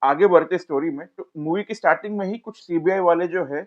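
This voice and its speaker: A man's voice: fairly high pitch, fairly quick. Chatty male film reviewer, lo-fi sound. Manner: chatty, addresses viewers directly, pleads to subscribe. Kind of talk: casual video review narration.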